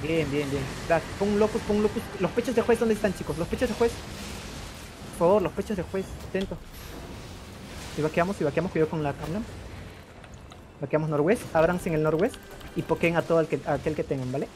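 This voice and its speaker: A man barks quick, repeated battle orders at his group over voice chat. His delivery is fast and clipped. There is faint noise behind him. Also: on the high side. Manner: rapid repetitive commands. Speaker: raid caller.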